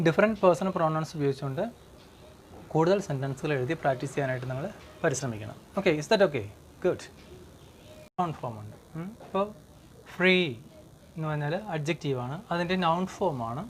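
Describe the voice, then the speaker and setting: A teacher walks through English grammar, saying each example sentence slowly and filling pauses with okay and hmm. The voice sits at an ordinary middle pitch. A faint background hiss runs under the lesson.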